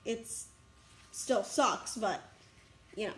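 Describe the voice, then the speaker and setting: A young woman in a casual vlog, rambling excitedly and breathlessly about her school day, recorded outdoors on a school campus. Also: mid-range voice, very slow, a little hiss or hum. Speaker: vlogger.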